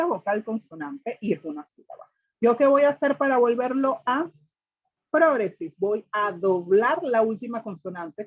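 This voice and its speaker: A woman's voice: on the high side, breathy edge, highs cut off. A woman teacher explaining grammar rules step by step to a class, repeating each rule and asking students questions. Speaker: English teacher.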